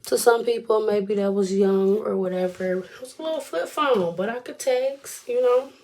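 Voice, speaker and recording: A woman in her twenties with a mid-pitched voice tells a casual story from her own life. She talks colloquially, wandering into asides and checking in with the listener along the way. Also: normal speed, a little mellow. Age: 20s. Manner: chatty and colloquial, rambling with asides.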